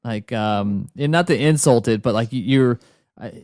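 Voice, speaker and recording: A man's voice: mid-range voice, normal speed, darkish tone, dry recording, clean studio sound. A man co-hosting a film podcast in casual chat, rambling with many fillers and restarts. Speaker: podcast co-host.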